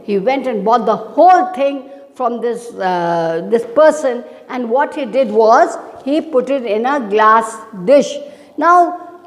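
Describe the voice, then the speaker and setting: A woman with a fairly high voice takes a class through a story, reading a passage and then explaining it. She keeps asking the pupils whether they have understood. Her voice rings with a long reverb, as in a hall. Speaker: teacher. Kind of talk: online class lesson.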